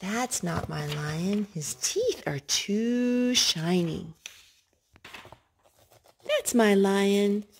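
With a medium-pitched, expressive voice, a woman reads to small children at home, drawing out her words and pausing often. She's a parent doing storytime in the living room, singing and asking simple, instructive questions. Slight background noise is present.

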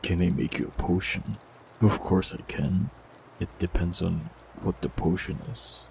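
Close to the microphone, a very deep, gravelly male voice performs a scripted fantasy roleplay, calm and gentle with a hint of soft teasing. The audio is poor, and a faint hiss lingers beneath it.

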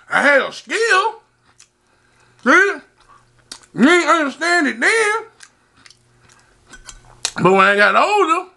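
A mukbang host chats with his viewers on camera while eating, telling stories in a high, gravelly voice. Animated and bright, he hypes himself up, boasts, and calls out to the audience with big swings in pitch.

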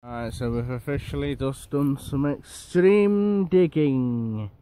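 Young guy rambling on a phone vlog outdoors, real slow and chill. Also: mid-range voice, dark tone, clear, resonant tone. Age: young adult. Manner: slow, laid-back, rambling. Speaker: vlogger. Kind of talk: casual vlog chat. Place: outdoors in gardens and allotments. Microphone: phone held at arm's length.

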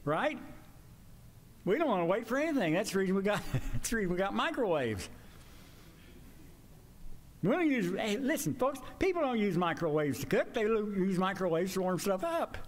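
An older man delivers a sermon from a church pulpit. His voice sits a little high, and he talks in a folksy, chatty way. It jumps higher still when he gets emphatic. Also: big pitch swings, normal speed, pauses often, slight background noise. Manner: folksy, conversational, pitch swings up when emphatic. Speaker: preacher. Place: church sanctuary with pews. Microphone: stand mic at pulpit.

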